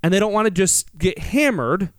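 An American financial radio show host with a high, clear voice explains things conversationally, asking rhetorical questions and repeating words for emphasis. He's animated and moderately paced, recorded with a very dry studio sound.

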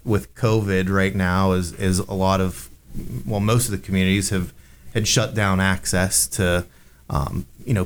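A male radio host speaks in a casual, conversational interview style. A little background noise sits behind his voice. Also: sits low.

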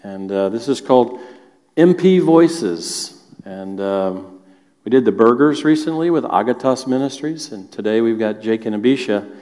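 A man's voice: medium pitch, animated, normal speed, mellow. A man hosting a church stage interview, friendly and joking as he questions his guests. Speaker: host and church elder. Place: church auditorium. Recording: reverberant hall.

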